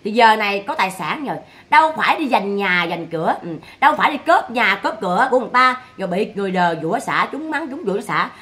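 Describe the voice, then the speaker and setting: A woman's voice: mid-range voice, animated, fast, a bit bright. A woman, scolding and mocking someone in a vlog monologue full of rhetorical questions. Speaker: vlogger commenting on family drama.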